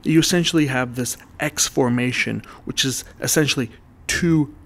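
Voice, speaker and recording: Calm male voice-over narrator. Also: medium pitch, normal speed. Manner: explanatory, walks the listener through ideas step by step. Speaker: narrator of an art history video.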